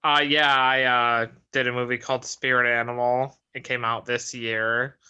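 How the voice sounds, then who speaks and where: A man guest with a very bright, smooth and clear voice, joining over a video call. He speaks in a relaxed, easygoing way about his film. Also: mid-range voice, moderate pace. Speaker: filmmaker guest. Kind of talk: casual interview answers.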